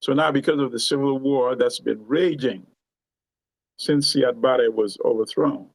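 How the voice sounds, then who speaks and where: A man from Uganda, a guest explaining his points in a measured conversational way, often checking in with "you know" and "right?". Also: medium pitch, creaky, no room sound, poor audio. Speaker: guest commentator. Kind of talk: conversational discussion.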